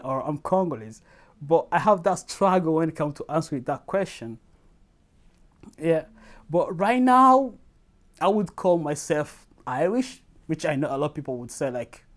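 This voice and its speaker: Lively young storyteller from Tanzania. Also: medium pitch. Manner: lively storyteller, laughs often, acts out quoted dialogue. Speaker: interviewee. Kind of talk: personal interview storytelling.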